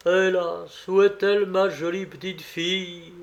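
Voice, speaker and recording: A man's voice: high-pitched, steady tone, measured pace, vocal fry, dull audio, pitched above the performer's own voice. A man voicing a tearful old prophet. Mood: moved, solemn.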